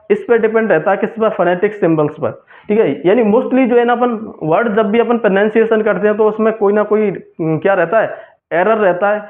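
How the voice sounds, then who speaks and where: Man with teaching exam class, keeps repeating stuff, mixes in english words, high voice, sounds like a phone. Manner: repetitive, asks and answers own questions; mixes English terms into Hindi. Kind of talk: exam-prep class lecture. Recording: tinny phone-like lo-fi audio.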